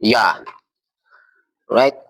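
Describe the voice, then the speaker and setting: Extremely slow and creaky, yet expressive with a fairly bright tone, a lowish-voiced man with a Filipino accent runs a casual hands-on tutorial, explaining each step as he handles parts.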